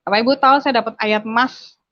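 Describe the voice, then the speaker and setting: A woman's voice: a little high, steady tone, fairly quick. A woman giving a personal conversion testimony, telling her story dramatically and speaking straight to her listeners. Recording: dry, slightly dull recording.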